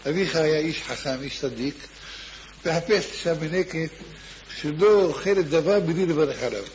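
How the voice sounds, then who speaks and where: A man's voice: fairly high pitch, lively intonation, a little hiss or hum, close to an everyday voice. A man voicing a very old, devout woman who earnestly begs a favor, in a slightly muffled recording. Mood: pleading. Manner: earnest, imploring. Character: very old pleading woman, devout former wet nurse.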